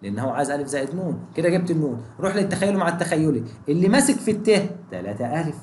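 A man's voice: a little high, racing, echoey room, a little hiss or hum. A man with an Egyptian Arabic accent, a math teacher walking through exam exercises and keeping his students involved with constant questions. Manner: energetic, keeps asking students questions.

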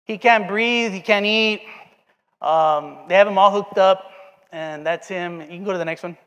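Man, 40s, preacher, earnest storyteller, high voice, recorded in a big echoing church. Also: normal speed, pushed and bright, smooth. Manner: earnest storytelling, acts out quoted dialogue. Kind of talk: sermon with personal story. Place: church sanctuary. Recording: long hall reverb.

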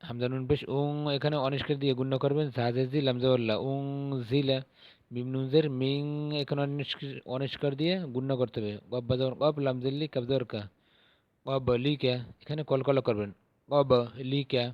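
A middle-aged man gives a patient Quran reading lesson, spelling syllables one by one and then stretching the recited words out slowly. His voice sits at an ordinary male pitch. The recording is dry and close, with no room sound. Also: steady tone, dry recording, highs cut off. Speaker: Quran teacher.

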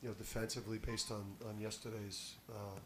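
In a press room after the game, a middle-aged basketball head coach responds to questions with confident, emphatic talk, repeating words and restarting at the start of answers. His lowish voice is flat and brisk, picked up by a table mic on a stand against a noisy background.

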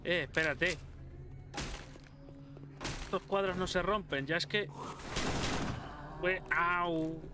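An excitable man with a Spain Spanish accent gives casual let's-play commentary. His voice sits a little high, and he swears freely while joking at the game. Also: measured pace, long pauses, over music. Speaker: gameplay commentator.

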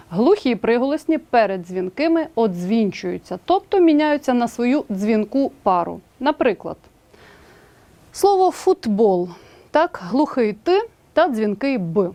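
A woman with a Ukrainian accent reading a scripted language lesson, spelling out example words slowly and clearly. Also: a little high, dark tone. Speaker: language teacher.

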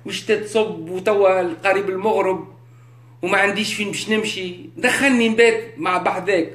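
A man with a Tunisian accent quietly voicing the devil disguised as a lone woman begging for shelter, in a soft, pleading tone. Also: sits high, steady tone, fairly quick. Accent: Tunisian Arabic. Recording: echoey room.

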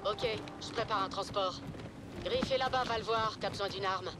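A woman acting a tough, brisk, no-nonsense lieutenant in a French game dub. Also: medium pitch, natural voice. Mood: brisk, urgent. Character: tough, brisk female lieutenant, loyal second-in-command. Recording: noisy battlefield ambience behind the voice.

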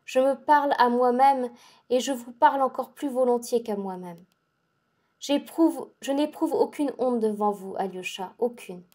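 A woman reading the part of a feverish, exalted young invalid girl, talking in an excitable, breathless and intense way. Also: a little high, measured pace. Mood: pleading. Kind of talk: dramatic audiobook reading.

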